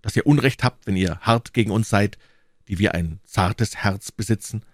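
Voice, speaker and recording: A man's voice: lowish voice, moderate pace, no room sound, studio quality, close to an everyday voice. Man voicing an earnest young musketeer. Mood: reproachful. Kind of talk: audiobook character voice.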